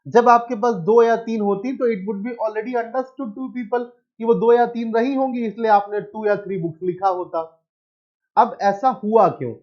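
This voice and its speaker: A man's voice: high voice, muffled recording. A male teacher giving an online exam-prep lesson, asking questions and answering them himself, mixing English phrases into his explanation.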